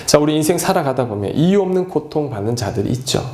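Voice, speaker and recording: A man's voice: fairly high pitch, lively intonation, fast talker, darkish tone, reverberant, slight background noise. A male pastor preaching a sermon, emphatic and posing rhetorical questions to the congregation.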